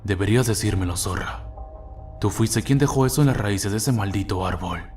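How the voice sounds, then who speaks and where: A man voicing a cruel, violent stepfather who sneers and threatens in a low voice. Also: moderate pace, darkish tone, soft background music, lightly acted. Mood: menacing. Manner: sneering, menacing.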